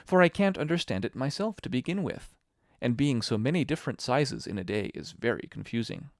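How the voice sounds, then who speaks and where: Male reader doing a polite, flustered young girl in a storybook; high, lively, earnest. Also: a little fast, creaky, no echo, clean studio sound. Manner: shy, earnest, a little flustered.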